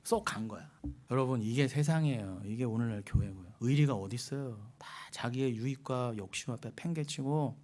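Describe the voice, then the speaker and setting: A middle-aged man preaching a sermon as pastor, telling the story in a lively, animated way and acting out voices with mockery. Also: mid-range voice, fairly quick. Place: church sanctuary.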